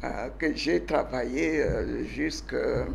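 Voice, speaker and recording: An older woman recounts her life as a guest on a TV interview. Her delivery is emphatic and animated in places and sinks to quiet, almost murmured phrases in others. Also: a bass voice, slow pace, creaky, slight background noise. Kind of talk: TV interview storytelling.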